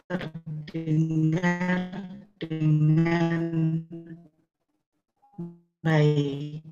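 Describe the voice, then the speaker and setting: A woman talks slowly and haltingly, with a gravelly edge to her voice. Her video call audio cuts in and out in choppy bursts. The sound is dull and lo-fi. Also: low voice. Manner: halting, with many pauses and "eh" fillers. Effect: choppy, breaking-up video call audio. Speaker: guest speaker. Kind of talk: online talk given over a video call.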